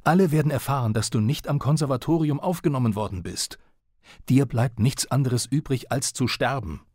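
A man's voice: mid-range voice, lively intonation, fairly quick, darkish tone, slightly rough, no room sound, clean studio sound, pitched above the performer's own voice. A man voicing an enraged father who screams hysterically at his young son. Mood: raging. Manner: shrieking, hysterical, threatening.

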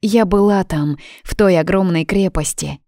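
A woman's voice: fairly low pitch, moderate pace, dark tone, no room sound, studio quality, close to an everyday voice. A woman reading aloud voices a pale, fragile young witch who pleads in a breathless, urgent way. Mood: pleading.

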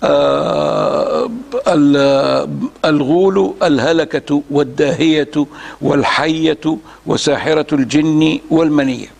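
A man with an Egyptian accent, a religious scholar reading and commenting on a classical text in a measured, deliberate lecture with frequent drawn-out pauses. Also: on the high side, fairly even intonation, creaky, darkish tone. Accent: Egyptian Arabic.

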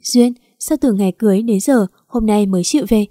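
A woman's voice: mid-range voice, a little fast, warm tone, no room sound, studio quality, close to an everyday voice. A woman voicing a tender, tearful mother fussing over her daughter. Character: loving, tearful middle-aged mother.

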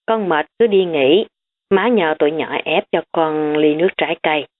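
A woman's voice: low-pitched, moderate pace, slight background noise, close to an everyday voice. A woman voicing a stern elderly grandmother who lectures her family firmly. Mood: gentle. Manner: firm, lecturing. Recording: tinny phone-like recording.

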